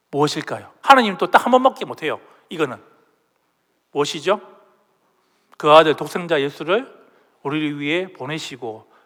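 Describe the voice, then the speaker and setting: A man's voice: fairly high pitch, a bit bright. A male pastor preaching a sermon in a church, asking the congregation questions and leading them in reading aloud. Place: church sanctuary. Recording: long hall reverb.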